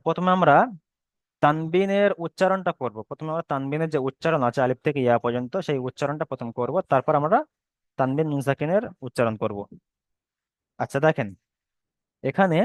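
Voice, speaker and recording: A man explains a Quran reading lesson step by step, repeating every point with patience. His voice sits a little high and sounds smooth and clear. The recording is dry and close, with no room sound. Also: no echo. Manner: patient, repetitive explaining, drawn-out sounds when demonstrating letters. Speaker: Quran recitation teacher.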